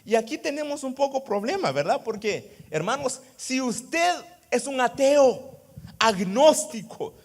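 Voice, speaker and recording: A male pastor delivering a sermon in a high-pitched, very animated voice. He leans on rhetorical questions and tags his phrases with "right?" to hold the congregation. He swings between quiet asides and loud exclamations of praise. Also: measured pace, creaky. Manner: keeps adding "¿verdad?".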